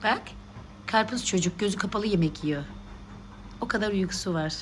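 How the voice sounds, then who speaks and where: A woman's voice: medium pitch, moderate pace, slight background noise. A woman vlogging at home, coaxing and teasing her pet cat and scolding it playfully in casual pet talk.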